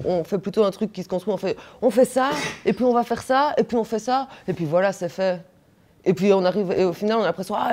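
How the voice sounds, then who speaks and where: Woman in her thirties, mellow tone. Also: lowish voice. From Belgium. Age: 30s. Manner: blunt and crude, joking, with fillers. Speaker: punk band singer. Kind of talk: casual interview answers.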